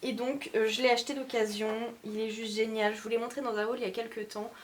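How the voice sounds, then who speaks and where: A woman's voice: fairly high pitch, little pitch movement, quick pace, slight background noise. A woman talking casually about her reading list as a book vlogger, hesitating often with filler sounds and poking fun at herself. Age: adult mother of young children. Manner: hesitant, frequent filler sounds, self-mocking.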